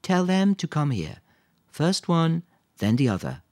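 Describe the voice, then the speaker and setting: Brief: man doing upbeat teen girl, high and lively, dry close audiobook sound. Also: takes it slowly, no echo, exaggerated voice. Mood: commanding. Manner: bright, confident, commanding with dogs. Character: cheerful English teenage girl, dog owner. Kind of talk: audiobook reading.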